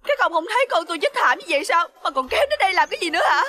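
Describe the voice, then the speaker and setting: A woman's voice: very high voice, rapid-fire, pushed and bright. A wailing grieving mother. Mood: anguished. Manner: wailing, pleading. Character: grieving village mother begging for mercy. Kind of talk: Vietnamese folk-tale TV drama.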